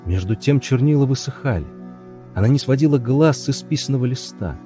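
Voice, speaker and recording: A man narrating a story in a measured reading style, close to the mic. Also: medium pitch, animated, warm tone, soft background music. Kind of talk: audiobook narration.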